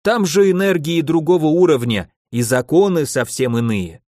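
A man voicing an ancient, irritable archmage who speaks in a slow, drawn-out growl in an audiobook. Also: fairly high pitch, darkish tone, no room sound, studio quality, close to an everyday voice. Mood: musing. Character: ancient irritable male archmage, stern and grumpy.

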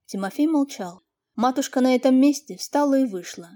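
A woman reading classic prose as an audiobook narrator, in an even, measured way. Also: sits high.

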